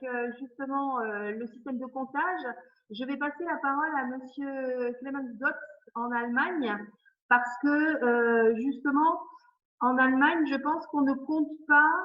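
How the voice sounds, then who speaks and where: A woman moderating a panel discussion, speaking spontaneously, on a lo-fi recording. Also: high-pitched. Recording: dull, lo-fi sound.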